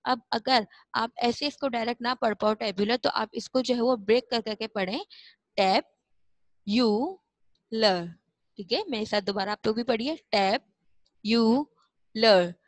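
Slow, coaxing woman teacher, dry sound. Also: on the high side, fairly even intonation, no echo, rough recording. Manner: slow, repetitive, coaxing explanations. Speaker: school teacher. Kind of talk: classroom lesson.

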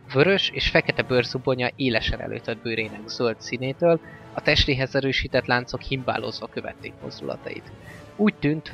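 Male audiobook narrator, steady reading, gravelly, slightly dull lo-fi. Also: medium pitch. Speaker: audiobook reader. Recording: slightly dull lo-fi with faint music.

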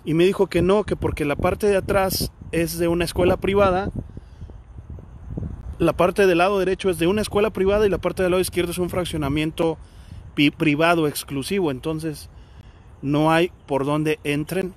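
A Mexican man on a ghost-hunting vlog, talking in a hushed, jumpy way and calling out to spirits in a cemetery at night. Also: high-pitched, steady tone, normal speed, a little hiss or hum. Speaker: paranormal investigator vlogger.

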